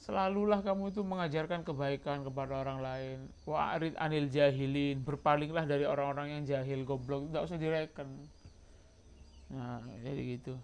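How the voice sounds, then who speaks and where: A man's voice: a little high, darkish tone, clear, resonant tone. A man giving a sermon, telling stories and acting out quoted dialogue as he teaches from a religious book. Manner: storytelling, acts out quoted dialogue, mixes in Javanese and Arabic. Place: religious study gathering.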